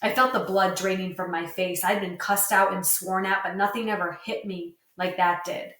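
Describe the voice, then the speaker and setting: A woman reading a novel aloud, telling the story in first person with steady narration. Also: mid-range voice, moderate pace. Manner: steady storytelling narration with lightly voiced dialogue. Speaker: reader. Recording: roomy, distant mic.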